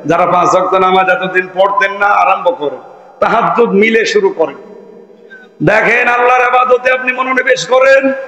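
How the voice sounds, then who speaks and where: A man from Bangladesh preaching an outdoor Islamic sermon, shouting as he explains Quranic verses over a loudspeaker microphone. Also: high voice, steady tone, normal speed, dull audio. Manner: fiery, shouting Quranic exposition. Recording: echoey, reverberant PA sound.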